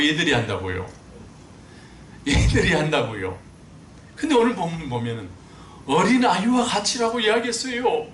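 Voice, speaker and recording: A man preaching a sermon as a pastor, telling stories with animated swings and climbing high when he quotes people. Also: a little hiss or hum. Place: church sanctuary. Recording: echoey church room, mic at a distance.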